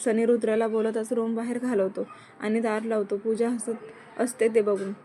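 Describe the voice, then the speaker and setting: A woman narrating a romantic story in a measured reading voice. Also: on the high side, little pitch movement, dark tone, a little hiss or hum.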